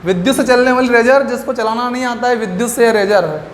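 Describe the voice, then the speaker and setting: A man's voice: very high voice, a little fast. A man teaching a lecture class, asking questions and answering them himself with memory tricks. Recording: echoey room with faint background noise.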